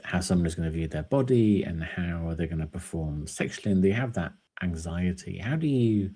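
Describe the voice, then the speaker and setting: Deep, husky-voiced man hosting a podcast. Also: mellow. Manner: thoughtful, rambling questions. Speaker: podcast host. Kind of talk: casual interview.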